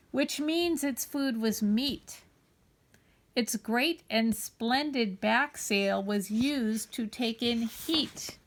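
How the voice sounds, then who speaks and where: A high-pitched woman reads aloud from a children's picture book. Her storytelling is expressive, emphatic and deliberate.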